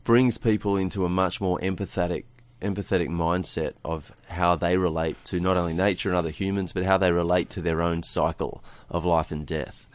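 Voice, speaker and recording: A man's voice: low voice, fairly even intonation, brisk, hardly any pauses. A middle-aged man, a radio guest, talking in a rambling, casual way with many restarts and frequent laughs, in a studio.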